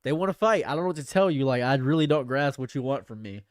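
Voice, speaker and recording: A man's voice: mid-range voice, animated, fast talker, clean tone, no echo, clean studio sound. A man in his late twenties chatting casually on a livestream, rambling and repeating his phrases. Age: late 20s. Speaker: streamer.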